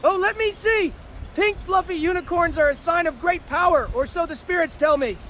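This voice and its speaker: Very high-pitched, grandiose eccentric mystic. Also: male voice, moderate pace, fairly bright tone, slight background noise. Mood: whimsical. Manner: theatrical, grandly declaiming. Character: whimsical, grandiose eccentric mystic who reveres spirits and prophecy. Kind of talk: scripted fantasy comedy dialogue.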